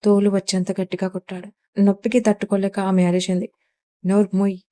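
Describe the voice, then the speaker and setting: A woman storyteller reading a dramatic audio story in steady, even scripted narration. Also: mid-range voice, a little fast.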